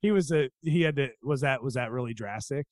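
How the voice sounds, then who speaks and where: A man's voice: mid-range voice, brisk, no echo. A man from the United States co-hosting a casual chat, laughing often and stammering through playful reactions. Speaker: podcast co-host.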